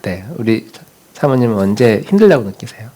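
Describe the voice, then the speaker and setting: A man's voice: on the low side, very animated, a little fast, mellow. A man preaching a sermon as pastor in a church, talking conversationally and putting questions straight to the congregation.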